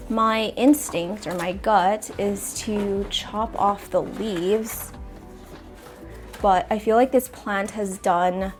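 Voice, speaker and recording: Her voice is mid-range with a darkish tone. This sniffly, stuffy-nosed plant vlogger chats casually while rearranging houseplants in her apartment plant room, rambling a bit and correcting herself as she goes.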